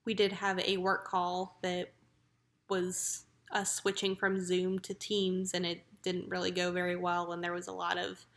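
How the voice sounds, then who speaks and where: A woman's voice: fairly low pitch, completely flat delivery, measured pace, fairly bright tone. A woman talking casually in a personal vlog, in a matter-of-fact, reflective way. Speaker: vlogger.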